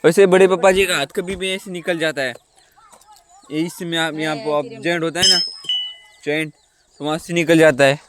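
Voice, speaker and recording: A man's voice: fairly high pitch, steady tone, moderate pace, pauses often, heavy background noise. A young man, chatting casually through a daily vlog while rambling and restarting his sentences. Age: young adult. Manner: rambling, restarts often, says "matlab" and "guys". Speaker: vlogger. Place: village home and roadside, outdoors. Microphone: handheld phone.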